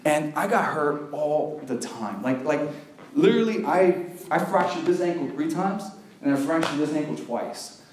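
A man in his thirties from a Cuban family, telling a funny story to a live crowd at a youth event, animated and breaking into loud acted quotes. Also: a little high, normal speed, roomy sound, slight background noise. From Cuban family, raised in the US.

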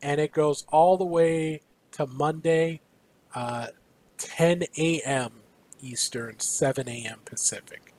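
A man's voice: on the high side, fairly even intonation, a little mellow, no echo, poor audio. Upbeat man co-hosting a gaming show. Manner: playful, reads schedules quickly with fillers. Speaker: co-host. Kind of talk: casual esports news chat.

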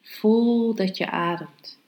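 A woman speaks as a yoga podcast host and meditation guide. Her delivery is calm, instructional and markedly slow, with unhurried pauses. Her voice sits at an average pitch for a woman.

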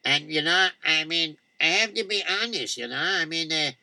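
Excitable defensive shopkeeper, jumpy lively delivery, voiced by a man; dry close sound. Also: fairly high pitch, normal speed, gravelly, no room sound, heavily acted. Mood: reasoning. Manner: flustered, repeating himself.

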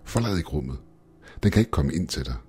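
A man voicing a calm, confident young woman who speaks in an offhand, reassuring way. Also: rumbling low, slightly rough, soft background music, heavily acted.

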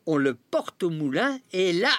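A storyteller voicing a cheerful, patient farmer explaining things in a storybook reading, lively and raised in pitch. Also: measured pace, no echo. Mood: teasing. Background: soft music.

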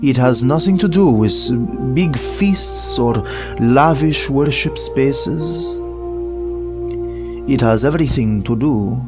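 A man playing a kindly, wise old religious elder who speaks calmly and gently in an audio drama. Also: medium pitch, lightly acted.

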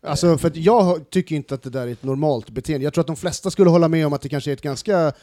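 A man's voice: on the high side, dark tone, dry recording, studio quality. A man co-hosting a casual podcast, talking in long, searching sentences with restarts. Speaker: podcast co-host. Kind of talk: casual chat.

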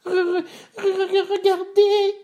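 A man voicing a whiny little bear cub in a storybook reading, in a very high, slow, stammering voice. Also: monotone, mellow, full character voice.

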